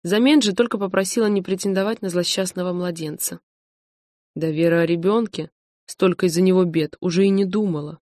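Female audiobook narrator, steady measured read, low-pitched, dry close mic. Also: no room sound. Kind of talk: scripted narration.

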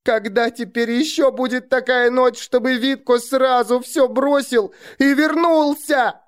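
A man voicing a spiteful young village girl who sobs and hisses in a high, shrill voice. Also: fairly even intonation, measured pace, clear, resonant tone. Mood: sobbing, furious. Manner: shrill, tearful, hissing. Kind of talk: audiobook character voice.

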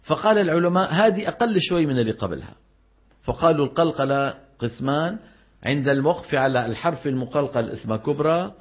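A man teaching a classroom lesson on Quran recitation. He explains, quizzes his students and drawls example words slowly. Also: fairly high pitch, dull audio.

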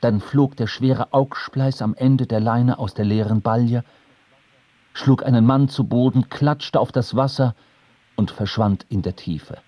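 A man narrates as the solemn lone survivor of a shipwreck in a radio play, telling the tale in a measured way. His voice is dark and mellow, slow-paced, and recorded dry and close. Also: medium pitch, no echo, lightly acted.

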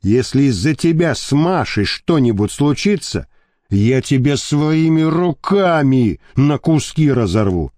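Guy putting on a raging big thug, roaring and swearing, lively pitch. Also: a little slow, dry recording, clean studio sound, lightly acted. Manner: roaring, abusive. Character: furious hulking male thug.

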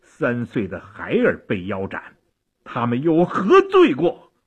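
A man's voice: fairly low pitch, big pitch swings, a little slow, breathy edge, voice pushed down, heavily acted. A male storyteller voicing a brash young warrior who speaks bluntly and earnestly. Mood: indignant. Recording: dull lo-fi radio recording.

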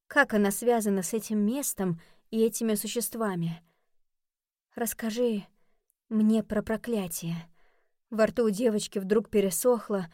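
A woman's voice: mid-range voice, mellow, no room sound. Woman narrating an audiobook, dry close sound.

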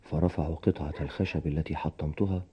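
An actor with an Egyptian accent playing a bitter, desperate young husband in a radio drama, at times shouting in rage. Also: male voice, very deep voice, fairly even intonation, quick pace, breathy edge, exaggerated voice. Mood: brooding. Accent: Egyptian Arabic. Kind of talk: 1990s radio drama acting. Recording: dull lo-fi radio recording.

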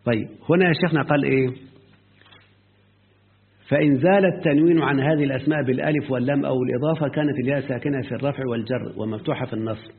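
A man's voice: medium pitch, fairly even intonation, very fast, gravelly, breathy edge. A man with an Egyptian Arabic accent explaining a grammar book to a student, often stopping to check that the student has understood. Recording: lo-fi phone-like recording.

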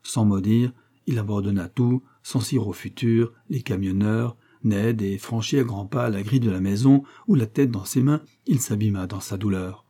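A man narrating a classic adventure novel in a steady, measured reading. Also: lowish voice, slightly rough. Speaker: audiobook narrator.

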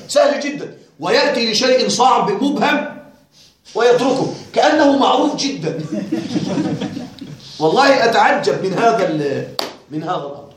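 A man's voice: high-pitched, slight background noise. A male teacher giving a classroom lecture on a grammar text, questioning and wryly puzzled as he talks straight to his students. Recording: very echoey room.

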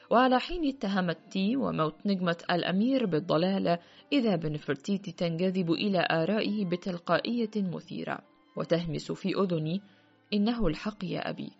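Husky woman narrating steadily. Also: lowish voice, darkish tone. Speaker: audiobook reader. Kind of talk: first-person literary narration. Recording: muffled with faint background music.

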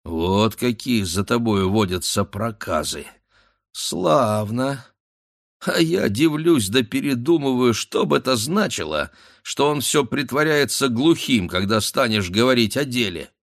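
A man's voice: mid-range voice, animated, measured pace, no room sound, studio quality, voice pushed up. A man voicing a bold, mocking young Cossack lad who rallies his friends.

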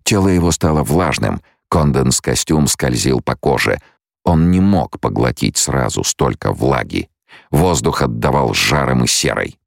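A man narrating an audiobook in a measured storytelling manner. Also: extremely low pitch, animated, creaky, no room sound, studio quality. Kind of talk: scripted narration.

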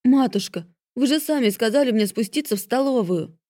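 A woman's voice: fairly high pitch, expressive, fairly quick, warm tone, no room sound, clean studio sound, voice pushed up, lightly acted. A woman voicing a timid young stepdaughter who pleads meekly. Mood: pleading. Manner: pleading, meek.

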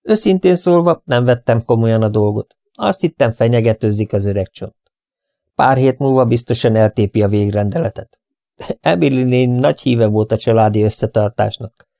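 A man's voice: mid-range voice, gravelly, mellow, dry recording, close to an everyday voice. A man reading an audiobook, playing a breezy, flippant young man with a light, offhand manner.

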